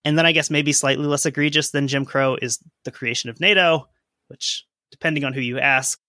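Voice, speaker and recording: A man's voice: medium pitch, steady tone, fairly quick, sharp tone, dry recording, clean studio sound. A man co-hosting a casual history podcast, reading old newspaper quotes aloud in a conversational way. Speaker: podcast co-host.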